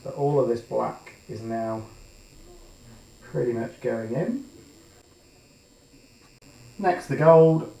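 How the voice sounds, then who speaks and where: Guy demoing resin art, plain flat-ish voice, lots of ums, far off the mic with room echo. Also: mid-range voice, takes it slowly, creaky, pauses often. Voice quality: plain even voice he calls monotone. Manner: chatty, hesitant with frequent ums, changes his mind aloud. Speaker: resin artist demonstrating a pour. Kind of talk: casual tutorial talk while working. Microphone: built-in camera mic, his usual mic out of action. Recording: echoey room, voice picked up from a distance.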